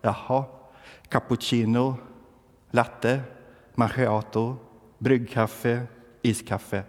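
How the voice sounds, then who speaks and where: A man doing a flat, bored barista woman. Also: medium pitch, big-room sound, close to an everyday voice. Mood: deadpan. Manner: expressionless, rattling off questions. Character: flat-voiced female coffee shop barista.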